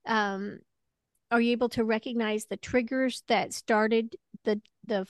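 With fairly even intonation and a slightly slow delivery, a woman with a slightly high voice guides someone one-to-one as a spiritual coach. She's gentle, reassuring and conversational, and the dry recording has no echo.

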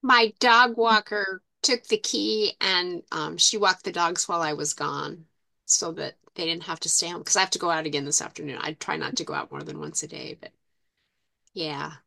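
Donna dal tono brillante e molto espressivo. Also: female voice, on the low side, lively intonation, moderate pace, vocal fry, bright, forceful tone, no room sound. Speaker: coaching client. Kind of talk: casual personal conversation.

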